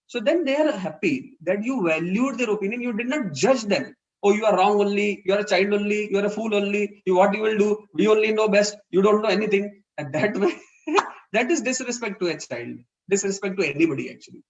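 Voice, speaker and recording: A man's voice: sits high, highs cut off. A man with an Indian English accent giving an earnest, explanatory parenting talk in an online webinar. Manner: earnest, explanatory, acts out quoted dialogue.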